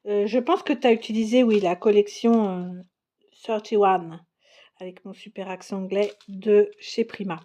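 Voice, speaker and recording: A French crafting vlogger narrates an unboxing in a chatty, enthusiastic way, exclaiming over each item and laughing often. Her medium-pitched voice is warm and steady, moving at normal speed with few pauses.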